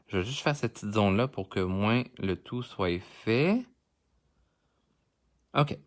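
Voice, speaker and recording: In a lowish, animated voice, a man with a Québécois accent takes his time while running a live coloring tutorial. The art instructor talks straight to his audience as he works through the drawing on stream.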